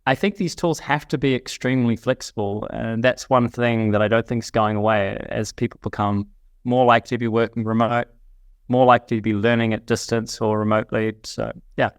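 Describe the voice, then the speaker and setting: A man's voice: medium pitch, fairly even intonation, brisk, clean tone, no echo, clean studio sound. Reflective man. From New Zealand. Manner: thoughtful, reflective, with frequent restarts. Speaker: guest, company CEO. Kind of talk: casual interview chat.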